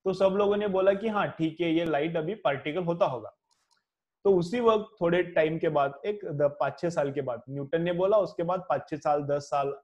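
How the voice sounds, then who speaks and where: A man with an Indian English accent gives a classroom physics lecture, his voice sitting a little higher than most men's. He dictates headings word by word and keeps asking the class questions, then answers them himself. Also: darkish tone, lo-fi sound. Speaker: physics teacher.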